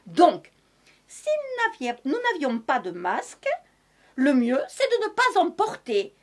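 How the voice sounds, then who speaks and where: A woman's voice: sits high, huge pitch swings, slow, full character voice. A woman voicing a chatty talking face mask with a put-on southern French accent, theatrical and mock-official. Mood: mock-serious. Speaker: guest in sketch. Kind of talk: comedic sketch.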